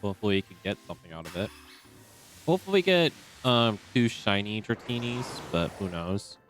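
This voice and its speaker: A young man in a relaxed, rambling style, commenting casually as he streams a game and talking to himself with many fillers. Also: lowish voice, a little fast, soft background music.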